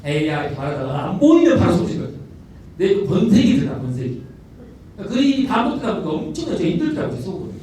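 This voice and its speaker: A middle-aged man, a school principal telling stories in a lecture, animated and repeating words for emphasis, recorded from a distant mic in a large lecture hall. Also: sits high, rapid-fire. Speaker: elementary school principal giving a talk. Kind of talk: storytelling lecture. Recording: echoey hall, distant mic, faint noise.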